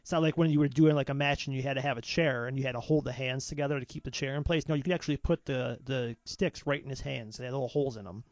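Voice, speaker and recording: Fast, gravelly chatty podcast guy. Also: mid-range voice, dry recording. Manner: rambling, self-interrupting, chatty. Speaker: podcast co-host. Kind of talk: casual chat while rewatching wrestling. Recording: dull lo-fi podcast audio.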